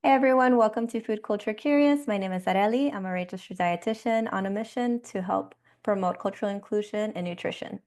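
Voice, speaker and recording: A woman's voice: mid-range voice, a little fast, hardly any pauses, darkish tone. A woman hosting a podcast, reading a polished intro and leading the interview in an upbeat way. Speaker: podcast host.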